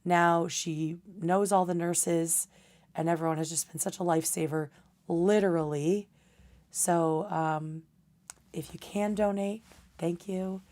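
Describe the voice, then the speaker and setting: Rambling woman streamer, slightly low voice. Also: steady tone, slow, darkish tone. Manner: loose, rambling delivery. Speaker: livestream host. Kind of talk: casual livestream chat.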